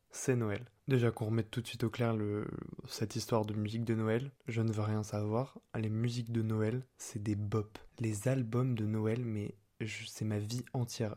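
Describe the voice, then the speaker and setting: A man's voice: medium pitch, warm tone. A young man hosting a casual solo podcast, chatty and playful, using slang and laughing often. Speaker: podcast host. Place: apartment.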